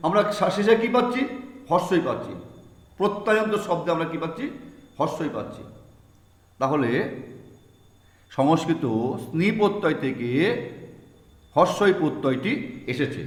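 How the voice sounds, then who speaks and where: A man's voice: sits high, fairly bright tone. A man teaching a grammar lesson to students, asking and answering his own questions and repeating key terms. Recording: echoey room with long reverb.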